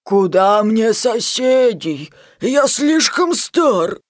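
Woman voicing an old grumbling basset hound. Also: sing-song, a little mellow, dry recording, studio quality. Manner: grumbling, drawn-out. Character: old male basset hound, grumpy yet kindly. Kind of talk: storybook reading.

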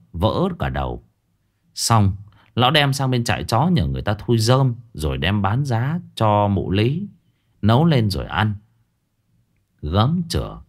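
Guy telling a ghost story, earthy and slangy, deep voice swinging up and down. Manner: colloquial, earthy, exclaiming.

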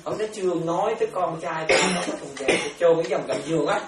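A man, a monk, giving a chatty, animated dharma sermon full of stories and repetitions. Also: a little high, fast talker, a loud crowd. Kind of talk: sermon with storytelling. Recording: echoey, distant mic, faint noise.

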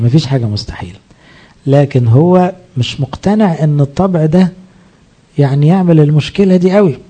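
A man's voice: medium pitch, warm tone, breathy edge. A man with an Egyptian accent, a priest giving a sermon, explaining his points through rhetorical questions that he answers himself. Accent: Egyptian Arabic.

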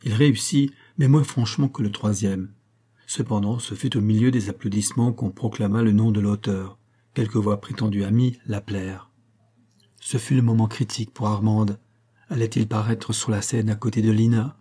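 A man narrating a classic French novel as an audiobook, at a measured, even pace. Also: fairly low pitch, slightly rough. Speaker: audiobook reader.

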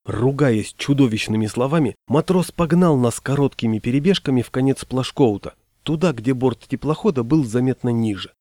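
A man narrating an audiobook in a measured storytelling manner. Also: mid-range voice, warm tone, dry recording, clean studio sound.

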